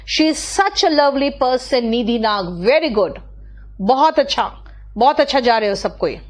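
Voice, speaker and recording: An Indian woman teaches English to a live online class. She reads each student's sentence at a very slow, deliberate pace and praises them by name. Her corrections are patient, and her quick asides come in between. Her voice sits a little high. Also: animated.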